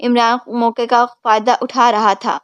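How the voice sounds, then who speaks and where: A woman's voice: fairly high pitch, flat delivery, clear, resonant tone, no echo, lo-fi sound. Woman narrating a novel, dry close voice. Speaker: audiobook narrator. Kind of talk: reading a novel aloud.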